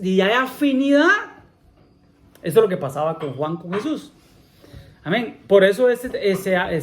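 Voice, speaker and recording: Pastor preaching, asking his congregation questions. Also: sits high. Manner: repeats himself, asks the congregation questions, punctuates with amén. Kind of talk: sermon.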